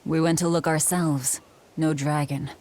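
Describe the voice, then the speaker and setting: A blunt, brooding young warrior woman, with a low voice. She is curt and cool, speaking video game dialogue. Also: steady tone, a little slow, darkish tone. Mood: businesslike.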